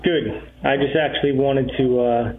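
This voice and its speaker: A man's voice: mid-range voice, steady tone, moderate pace, crowd noise. Man calling in over a tinny phone. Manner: easygoing, rambling with restarts. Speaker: caller to a radio talk show. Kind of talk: casual call-in chat.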